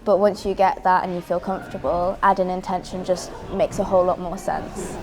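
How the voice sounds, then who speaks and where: A woman's voice: lowish voice, level tone, fairly quick, crowd noise. A young woman from England, a new dancer, talking earnestly in a documentary interview about her training.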